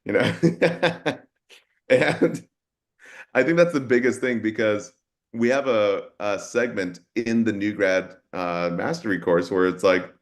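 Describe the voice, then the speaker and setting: A man with a fairly low voice talks through a casual webinar as a nurse educator. He sounds easygoing, with plenty of fillers and loose restarts as he chats. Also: slow pace. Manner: relaxed, with many fillers.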